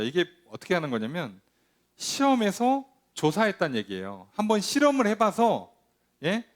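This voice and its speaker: A male pastor leading a Bible study, often asking his listeners whether they follow him. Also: high-pitched. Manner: checks understanding with frequent rhetorical questions; acts out quoted speech in dramatized voices.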